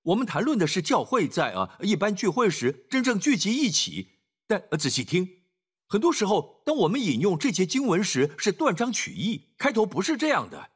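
A man preaching a sermon emphatically, often pausing on filler sounds and dropping in "Amen.". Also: high-pitched, wildly swooping pitch, breathy edge.

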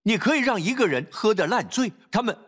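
Man, pastor, sermon, high husky voice, very animated pitch, loud urging then low quiet asides. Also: fairly quick. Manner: preaching with sharp swings between loud exhortation and low quiet asides.

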